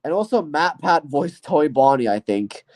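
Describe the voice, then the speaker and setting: Rambling man with a mellow, higher voice. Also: lively intonation, normal speed. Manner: rambling and hesitant, full of "you know" and "I guess". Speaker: channel host. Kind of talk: casual solo year-in-review talk.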